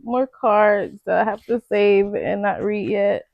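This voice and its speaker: A young pregnant woman chatting casually as she unboxes baby gifts, gushing and excitable, with slangy exclamations. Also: medium pitch, a little slow, vocal fry, no echo, narrow, tinny audio. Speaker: vlogger.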